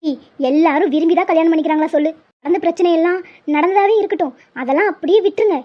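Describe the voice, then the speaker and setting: A woman's voice: very high voice, fast talker. A woman voicing a stubborn, emotional middle-aged cartoon mother who pleads and guilt-trips. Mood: pleading. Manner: pleading, melodramatic, guilt-tripping. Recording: muffled lo-fi audio.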